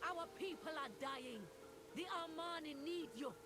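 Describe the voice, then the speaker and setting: A woman's voice: high-pitched, a little slow. A woman playing a commanding, proud warrior goddess who rallies her embattled people in a video game. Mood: urgent, commanding. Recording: quiet game audio under loud music.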